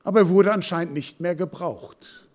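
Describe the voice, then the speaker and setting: A man preaching as a pastor, swinging from hushed, slow asides to loud, animated quoted voices. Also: high voice. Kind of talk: sermon.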